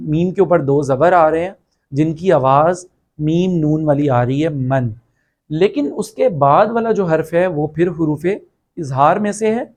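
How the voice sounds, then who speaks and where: A man's voice: on the high side, a little mellow. Patient man teaching Quran recitation rules. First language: Urdu. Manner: patient, slow drawn-out recitation of example words. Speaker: tajweed teacher. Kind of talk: recorded online lesson.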